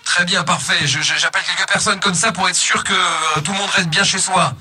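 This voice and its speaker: A man's voice: high-pitched, steady tone, brisk, sharp tone, soft background music. A man hosting a late-night radio show, joking in a mock-indignant way. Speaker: radio host.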